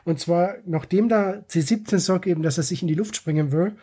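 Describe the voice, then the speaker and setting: A man's voice: sits high, a little fast, mellow, husky. A man co-hosting a podcast, casually and animatedly picking apart manga details. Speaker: podcast co-host. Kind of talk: casual chat reviewing manga.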